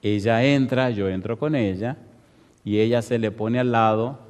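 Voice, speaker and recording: A man's voice: mid-range voice, fairly even intonation, a little slow, darkish tone, smooth, in a large hall. A male pastor preaching a sermon, telling a story with emphasis and firing rhetorical questions at the congregation.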